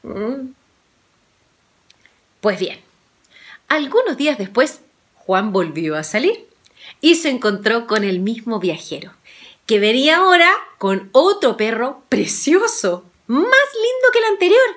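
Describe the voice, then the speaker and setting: Lady telling a folktale, bouncy voice, sits kinda high, playful. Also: a little slow. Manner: animated, playful, addresses listeners. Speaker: storyteller. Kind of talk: oral storytelling.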